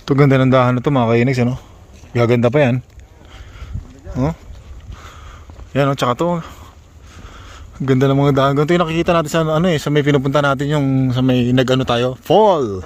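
A man's voice: medium pitch, fairly even intonation, a little fast, pauses often. A man talking casually to his viewers while walking outdoors by a lake, exclaiming often at the sights. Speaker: vlogger.

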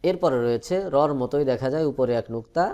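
A man teaching Quran reading, explaining letter sounds patiently and slowly stretching out each letter as a drill. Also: medium pitch, dark tone. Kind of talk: recorded lesson on letter pronunciation.

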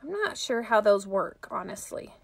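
Chatting with her audience while she applies makeup, a middle-aged woman hosts a relaxed live tutorial as a makeup vlogger. Her mid-range voice is gravelly, her pitch swings widely, and she speaks at a moderate pace.

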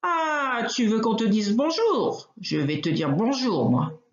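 A woman's voice: on the high side, big pitch swings, takes it slowly. A woman voicing a big, furious male elephant in a storybook reading, bellowing his lines. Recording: roomy, slightly dull recording.

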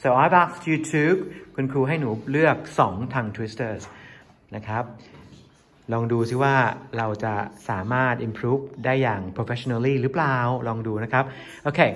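A man's voice: mid-range voice, slow. A man with a Thai accent teaching an English class, mixing Thai and English as he coaxes his students along.

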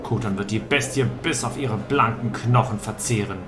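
A man voicing a proud, brooding warrior from a video game, solemn, measured and theatrical. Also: fairly low pitch, fairly bright tone, faint music behind, lightly acted. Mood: grim, resolute. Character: brooding proud male warrior bound to cursed sword. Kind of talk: dramatic video game read-aloud.

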